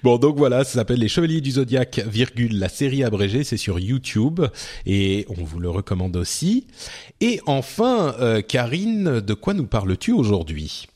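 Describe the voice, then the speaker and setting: A man's voice: medium pitch, very animated, normal speed, a little mellow. A man hosting a casual podcast, loosely steering the chat and handing over to guests. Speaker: podcast host.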